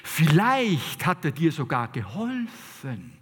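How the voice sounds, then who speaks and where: A man's voice: a little high, wildly swooping pitch, slow, husky, long reverb tail. A man preaching a sermon, emphatic, repeating phrases and asking rhetorical questions.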